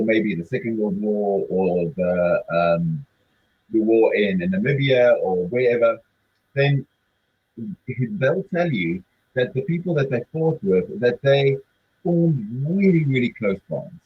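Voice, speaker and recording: A man's voice: fairly low pitch, poor audio. A man presenting a webinar in a conversational way, often using filler words and asking rhetorical questions. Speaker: webinar speaker.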